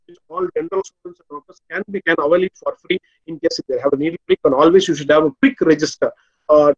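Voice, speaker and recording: Fast, high-voiced man with South Indian accent. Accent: South Indian (Tamil). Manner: didactic, asks and answers own questions. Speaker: dental lecturer. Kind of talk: webinar lecture. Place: small room indoors, on a video call. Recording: dull lo-fi video call audio.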